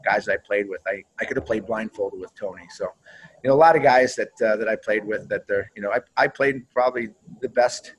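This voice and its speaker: Low-voiced profane ex-hockey man. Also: brisk, husky, low-quality recording. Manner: rambling, profane, repeats words and restarts. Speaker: guest, former pro hockey player. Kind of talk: casual interview storytelling.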